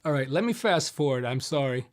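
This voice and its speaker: Streaming live from his home studio, a middle-aged guitarist chats loosely through viewers' questions, wandering off on detours and using fillers in a relaxed manner. He speaks a little fast in a mid-range voice.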